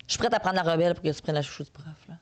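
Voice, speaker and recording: A woman with a Québécois French accent, co-hosting a podcast with teasing, quick banter. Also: on the low side. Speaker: podcast co-host. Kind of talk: casual chat.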